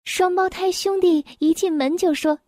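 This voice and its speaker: A woman reads a children's picture book aloud in a gentle, clear, expressive way. Her voice sits high and light. The sound is dry and close. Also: moderate pace, dry recording. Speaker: storyteller.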